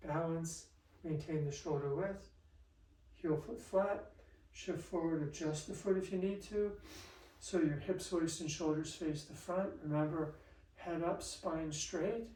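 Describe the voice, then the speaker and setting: A tai chi instructor giving a movement lesson in calm, measured cues and short phrases. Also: medium pitch. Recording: roomy echo, distant mic.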